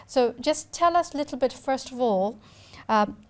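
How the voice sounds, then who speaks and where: Woman from bangladesh hosting a tv talk show, bit high voice, lots of ums and restarts. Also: expressive, moderate pace. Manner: hesitant, many fillers and restarts. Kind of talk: hosting a TV discussion.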